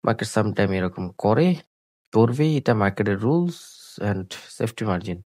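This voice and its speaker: A sick, coughing man, talking slowly through live trades on screen and repeating his points, mixing in English words. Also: fairly low pitch, darkish tone, dry recording. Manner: slow, repetitive explaining with English words mixed in. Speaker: trading tutor. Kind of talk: live trading screen commentary.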